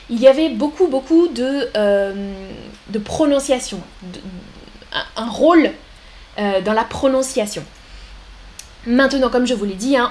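Woman, French teacher on a live stream, slightly high voice, patient explanations, slow repeated examples, talks to chat. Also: a little hiss or hum. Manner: explanatory, repeats words slowly for learners, addresses chat. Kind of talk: live-streamed language lesson.

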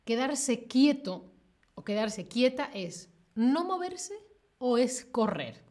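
Slow, playful woman teaching Spanish. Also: a little high, very animated, a little mellow. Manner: slow, clear and playful, acting out examples. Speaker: Spanish teacher streaming live. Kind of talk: livestream language lesson.

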